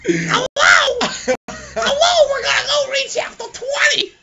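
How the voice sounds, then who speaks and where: On a muffled and noisy home podcast recording, a giggly, foul-mouthed host pokes fun at himself while reading his childhood fan fiction with casual banter. He speaks slowly at an extremely high pitch.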